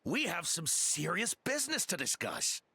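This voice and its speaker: A man voicing a smug game merchant with slow, theatrical villain menace. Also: sits high, huge pitch swings, vocal fry, sharp tone, breathy edge, no echo, heavily acted. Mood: smug, scheming. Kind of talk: scripted game character acting.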